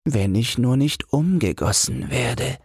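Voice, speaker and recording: A man's voice: medium pitch, lively intonation, takes it slowly, gravelly, darkish tone, slightly rough, no echo, clean studio sound, voice pushed up, exaggerated voice. A man voicing a humble old street lantern in a fairy-tale audiobook, fretful and tender. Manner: worried, keeps repeating a single fear.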